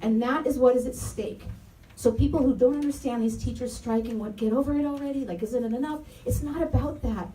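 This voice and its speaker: A woman's voice: fairly high pitch, a little fast, dark tone. Impassioned woman speaking at a public forum. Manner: earnest, impassioned, repeats key phrases. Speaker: parent and educator at a community forum. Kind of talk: public comment speech. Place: community meeting room, roomy and echoey. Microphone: handheld microphone, held from some distance. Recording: echoey room, distant mic, faint noise.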